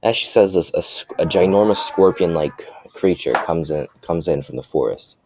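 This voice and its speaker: A young man improvising a fan-fiction story aloud, halting, with many restarts and fillers. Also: deep voice, noisy background.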